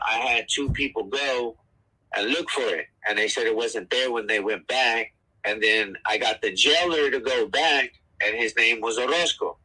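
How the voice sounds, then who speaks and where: A man's voice comes through a speakerphone into a live chat show. His tone is very bright and sharp but husky. He speaks haltingly, with many fillers and restarts. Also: medium pitch, rough recording. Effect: heard over a speakerphone. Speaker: phone-in guest. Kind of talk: casual livestream chat.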